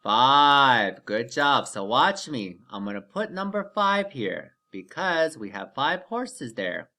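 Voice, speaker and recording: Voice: medium pitch, big pitch swings, sharp tone. A teacher leading a children's math lesson like a kids show host, counting aloud step by step, asking simple questions and encouraging the listeners. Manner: slow, step-by-step, repeatedly checking with "okay?".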